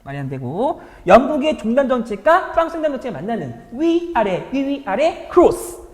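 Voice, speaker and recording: A woman's voice: a little high, big pitch swings, fairly quick, echoey room, long reverb tail. A woman teacher walking students through exam problems in a chatty lecture, often checking in with rhetorical questions. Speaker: high school history teacher.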